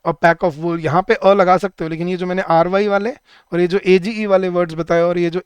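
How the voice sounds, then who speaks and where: Crisp-voiced male exam tutor, clear and drilling. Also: sits high, little pitch movement, dry recording. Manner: repeats words slowly and drills rules, asks the chat questions. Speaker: English teacher for bank exam students. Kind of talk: live online class.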